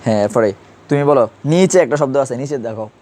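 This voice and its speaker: A man's voice: medium pitch, fast talker, a little mellow, a little hiss or hum. Man quizzing a class on grammar. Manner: quizzing students with repeated questions. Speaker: Urdu grammar teacher. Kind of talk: classroom lesson.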